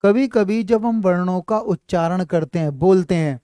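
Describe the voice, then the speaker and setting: A man teaches a live Hindi class, walking students through letters and their sounds. His voice is dark and mellow, recorded close and dry with no room around it. He repeats points and keeps asking if the class is following. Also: high-pitched, normal speed, clear, resonant tone, no room sound. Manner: repetitive, checks often that students follow; addresses students fondly as child. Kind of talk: live online class, explaining at a board.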